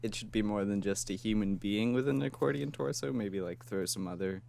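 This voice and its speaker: Male co-host, lower voice, giggly and rambling, casual podcast chat. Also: a little fast, vocal fry, a little mellow, a little hiss or hum. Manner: giggly, rambling, laughs often.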